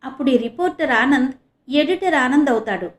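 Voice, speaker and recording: Earnest young male reporter for an audio novel, eager and lively, as a woman narrator puts him on. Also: high-pitched, brisk, voice pushed up.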